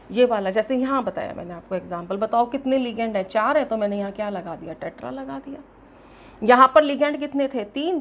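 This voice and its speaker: A woman chemistry teacher giving a classroom lecture step by step, asking questions and answering them herself. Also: on the high side. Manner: explains step by step with lively emphasis.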